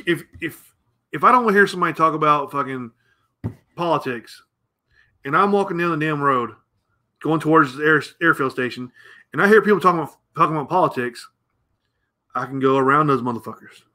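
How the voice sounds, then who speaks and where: A man's voice: fairly high pitch, expressive, a little fast, long pauses, pushed and bright. A middle-aged American man hosting a show, ranting bluntly and profanely and rambling as he goes. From United States. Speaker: podcast host. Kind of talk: opinionated rant.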